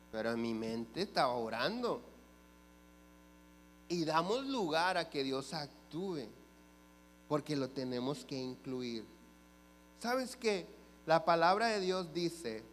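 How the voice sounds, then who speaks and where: A male pastor preaching with a fairly high voice, bringing his stories to life by acting out each exchange and turning questions to the congregation. His voice carries a long church reverb, and a faint mains hum sits underneath. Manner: animated storyteller who acts out dialogue and questions the congregation. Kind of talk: sermon. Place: church sanctuary.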